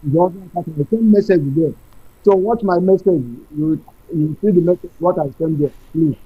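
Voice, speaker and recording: A man calling in to a radio show, his voice muffled as if through a wall, speaking in halting, broken phrases. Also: sits high, breathy edge, no echo. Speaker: caller. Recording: muffled tinny phone line.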